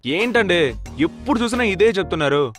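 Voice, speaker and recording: A man's voice: sits high, lively intonation, soft background music. An actor playing a cocky, chatty young man who bluffs and teases, in dubbed film dialogue. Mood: smug teasing. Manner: teasing, drawn-out boastful delivery.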